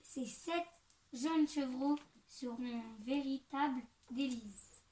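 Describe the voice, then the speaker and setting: A woman's voice: high-pitched, slow pace, mellow, far from the mic. A woman voicing a sly, hungry male wolf in a storybook reading, growling and scheming. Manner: growling, then whining when pleading.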